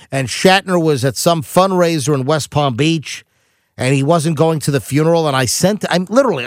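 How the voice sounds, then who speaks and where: A middle-aged man hosting a talk radio show, ranting in a quick, animated monologue full of asides and restarts. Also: on the high side, no room sound, studio quality.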